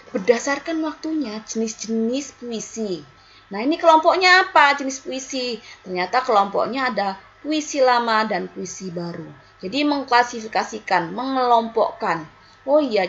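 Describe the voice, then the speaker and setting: A woman teacher gives a classroom lesson, keeping it lively with questions she puts to her students. Her voice sits a little high and has a gravelly edge. The audio sounds dull and lo-fi. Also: slight background noise. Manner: lively, with rising questions and repeated "ya".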